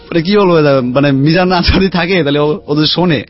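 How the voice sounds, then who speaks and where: A man telling a lively story about his life as a guest in a casual chat. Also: fairly high pitch, moderate pace. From Khulna region, Bangladesh. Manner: lively anecdotal storyteller, chatty. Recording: dull lo-fi sound with faint music.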